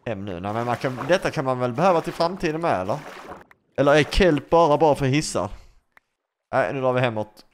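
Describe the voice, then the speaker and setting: A man talks his way through a game in excitable let's play commentary. He asks one question after another, drops the odd curse, and his mid-pitched voice swings up and down. A faint noise sits under the recording. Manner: excitable, full of questions, swears freely. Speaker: gaming YouTuber.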